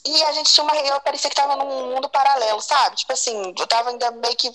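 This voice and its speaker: A woman's voice: sits high, steady tone, fast talker, fairly bright tone, low-quality recording. A woman, telling a personal story as an interview guest, repeating phrases and acting out other people's words. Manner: repeats phrases, acts out quoted dialogue. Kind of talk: emotional personal confession.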